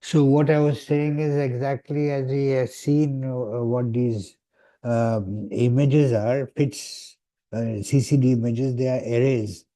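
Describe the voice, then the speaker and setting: A man's voice: mid-range voice, steady tone, takes it slowly, mellow. A man giving an online lecture, heard over a video call, hesitant with frequent "uh" fillers. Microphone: computer mic on a video call.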